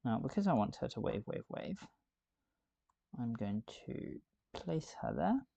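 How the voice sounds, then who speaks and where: A man's voice: mid-range voice, sing-song, moderate pace, vocal fry, warm tone, dry recording, highs cut off. A man hosting a live building stream, chatting and thinking aloud as he works. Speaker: host.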